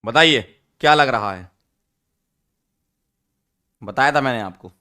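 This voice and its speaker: A man teaching an online chemistry lesson, teasing his students and repeating key rules slowly for emphasis. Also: medium pitch, bright, forceful tone, clean tone. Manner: teasing, addresses students as beta.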